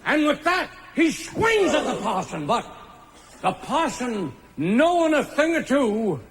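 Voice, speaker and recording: An actor playing a folksy showboat captain and emcee, retelling a melodrama to the audience in a live theater. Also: male voice, extremely high pitch, very animated, slow, a bit bright, slight background noise, heavily acted. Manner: folksy showman patter with homespun grammar. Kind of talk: stage musical. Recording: live theater with long reverb.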